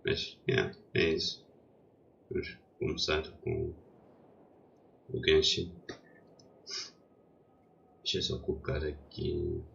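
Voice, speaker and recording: A young streamer with a cold talks haltingly as he gets his gaming livestream ready, his very deep, gravelly voice level and slow, with frequent pauses and a slight brightness. The audio is dull, with a bit of background noise.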